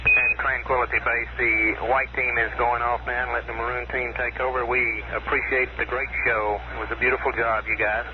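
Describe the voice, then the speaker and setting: A man speaking over a radio as a mission control communicator, in a calm, clipped, procedural way. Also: mid-range voice, brisk. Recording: noisy, muffled archival radio transmission.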